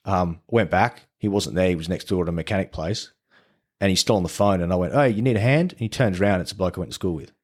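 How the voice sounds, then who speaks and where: Podcast guest: Australian man with a deep voice, casual and profane storyteller, acts out dialogue. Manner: swears freely, animated retelling of conversations.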